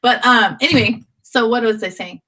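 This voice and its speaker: This host's voice sits a little high and carries a sharp edge as she runs a live online chat via video call. Sore-throated from a cold, she wanders and starts sentences over at a moderate pace, and the recording quality is poor.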